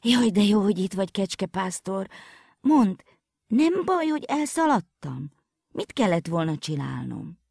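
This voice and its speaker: A woman's voice: medium pitch, big pitch swings, creaky, a little mellow, husky, dry recording, clean studio sound, voice pushed up, exaggerated voice. A woman voicing a frightened little girl who eagerly tells a story in a storybook reading.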